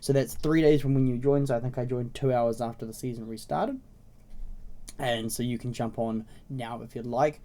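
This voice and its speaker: A man with a slightly raspy voice, congested with a cold, giving a casual, explanatory game tutorial as a video host. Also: mid-range voice, steady tone, moderate pace, dark tone. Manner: informal, explanatory, often checking in with "okay?" and "right?". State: congested with a cold, frequent throat clearing. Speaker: video host introducing a browser game series.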